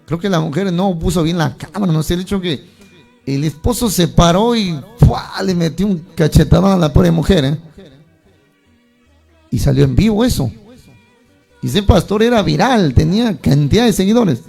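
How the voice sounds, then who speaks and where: A man's voice: high-pitched, expressive, moderate pace, gravelly, a little mellow, soft background music. A man preaching a sermon, telling stories animatedly and acting out the voices of churchgoers.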